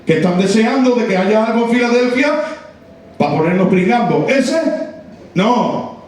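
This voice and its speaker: A man preaching a sermon, impassioned and building to shouts with repeated phrases. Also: high voice, expressive, normal speed. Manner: impassioned, rising to shouted, repetitive emphasis. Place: church hall. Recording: very echoey church hall, mic far off.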